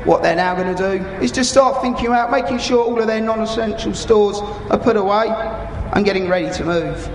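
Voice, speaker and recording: High and brisk, the voice belongs to a British man in his thirties narrating a military display for spectators. He explains it live and informally through a public address system, in an echoey arena full of crowd sound and noise.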